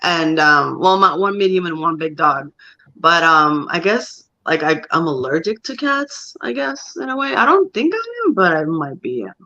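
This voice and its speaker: A man's voice: a little high, big pitch swings, normal speed, bright, forceful tone, muffled recording. A man hosting a casual livestream chat, upbeat and laughing often between friendly reactions. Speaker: host.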